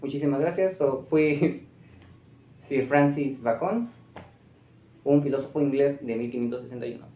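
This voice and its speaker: A young man playing a sixteenth-century English philosopher, speaking slowly and deliberately in a class presentation. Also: mid-range voice, dark tone, lightly acted. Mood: solemn. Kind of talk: student in-character presentation. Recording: echoey room.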